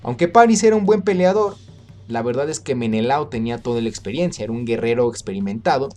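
A man retelling an ancient epic in casual, slangy, lively narration. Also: mid-range voice, fast talker, faint music behind. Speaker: storyteller.

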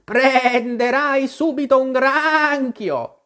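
A reader voicing a grumpy old female sheep who scolds slowly while she knits, in a storybook reading. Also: a bit bright, full character voice. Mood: scolding. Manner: slow, high and scolding.

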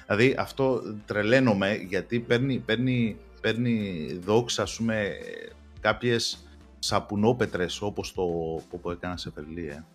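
A young man chats casually as a podcast co-host, wandering through his points with many restarts. His voice sits on the low side, and faint music plays behind him. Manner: rambling, many restarts and fillers. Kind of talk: casual chat about TV series.

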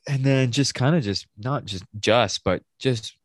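A man's voice: mid-range voice, a little slow, dry recording, clean studio sound. A man co-hosting a podcast, chatting casually in a joking, slangy way. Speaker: podcast co-host. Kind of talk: casual chat.

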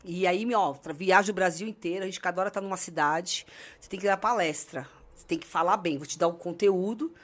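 A woman's voice: lowish voice, a little fast. A woman from Santos, a podcast guest telling stories in casual chat and acting out the other people's lines. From Santos, Brazil. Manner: lively, acts out the voices of people in her stories.

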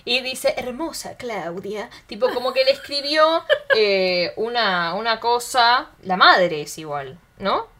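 A woman's voice: fairly high pitch, slow pace, few pauses. A young woman with an Argentine accent, chatting casually about a film and acting out the characters' lines as she retells the scenes. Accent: Rioplatense Spanish. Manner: animated retelling, acts out quotes, fillers like tipo. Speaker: film discussion co-host. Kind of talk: casual chat recapping a film.

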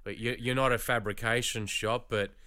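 A man hosting a casual interview in an encouraging, conversational way with a smooth, clear voice. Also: medium pitch, steady tone, normal speed, bright, forceful tone, dry recording, studio quality. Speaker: host interviewing a YouTuber.

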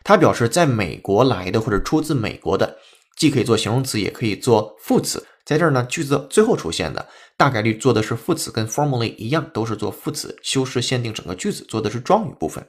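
A man's voice: mid-range voice, very animated, fast talker. A man hosting a podcast English lesson, explaining step by step and spelling words out letter by letter. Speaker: English teacher.

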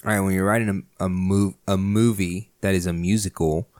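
A podcast co-host with a low-pitched voice talks fairly quickly in casual chat, trolling and teasing with deadpan jokes. The recording is dry with clean studio sound.

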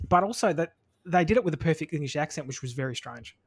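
A man co-hosting a podcast, talking in a casual review chat, animated and opinionated, acting out quotes as he argues. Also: a little high, quick pace, breathy edge. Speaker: podcast co-host.

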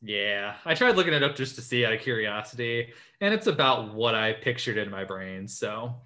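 A man's voice: on the low side, lively intonation, normal speed, bright, forceful tone. Rambling young man telling a story. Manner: rambling storyteller, heavy use of "like". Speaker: podcast host. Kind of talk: casual chat.

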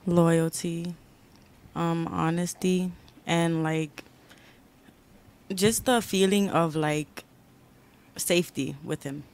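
19 yo girl on a podcast, kinda unsure, lots of likes, bit of fry. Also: fairly low pitch, fairly even intonation, takes it slowly, pauses often, darkish tone. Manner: hesitant, filler-heavy. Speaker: podcast guest. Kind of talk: casual podcast chat.

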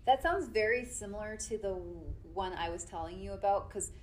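A woman's voice: medium pitch, fairly quick. Woman podcast co-host, chatty and giggly, faint background noise. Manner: chatty, giggly, trails off mid-sentence. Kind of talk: casual chat.

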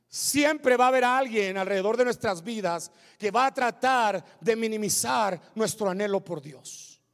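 A male pastor preaching a sermon, moving between shouted climaxes and hushed asides. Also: high voice, unhurried, vocal fry, big-room sound. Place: church sanctuary with congregation.

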